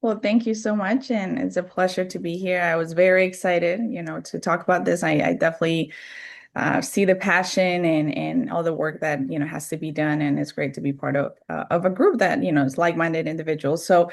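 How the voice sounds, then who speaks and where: Woman from Colombia, panel guest, lowish voice, earnest, lots of ums. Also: fairly even intonation, brisk, vocal fry. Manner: earnest, many fillers and restarts. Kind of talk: panel discussion.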